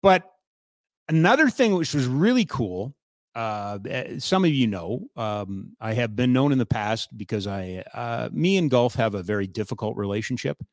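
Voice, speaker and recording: A man's voice: medium pitch, animated, normal speed, dry recording, studio quality. A man hosting a radio talk show, chatting casually with a guest and reading sponsor spots. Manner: joking, chatty, loose with fillers.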